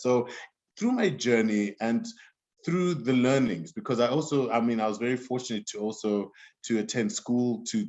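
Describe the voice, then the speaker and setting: The guest, a music executive from Zimbabwe in his thirties, speaks in a darkish voice on the low side. His casual interview answers wander, frequently restarting amid fillers, and the sound is dull and lo-fi.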